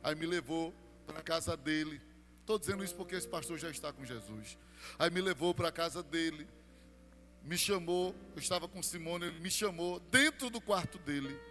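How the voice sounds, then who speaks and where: A man's voice: on the high side, normal speed, big-room sound, faint music behind. A Brazilian man preaching as a pastor, telling his testimony with drama and voicing the people in the story. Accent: Brazilian Portuguese. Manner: dramatic storytelling, voicing other people, rising to loud climaxes. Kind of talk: sermon testimony.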